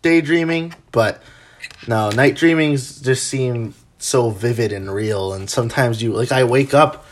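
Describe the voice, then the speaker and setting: A man's voice: mid-range voice, measured pace. A man hosting a podcast in casual chat, chatty with many fillers, laughing easily. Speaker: podcast host.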